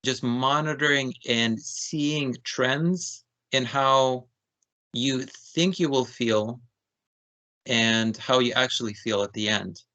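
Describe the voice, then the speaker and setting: A man's voice: mid-range voice, fairly even intonation, takes it slowly, sharp tone. A man co-hosting a podcast, explaining ideas in a casual, conversational way. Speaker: podcast co-host.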